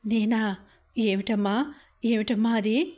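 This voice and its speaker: A woman's voice: a little high, slow, a little mellow. A woman reading the lines of a grieving elderly father in a choked, pleading way.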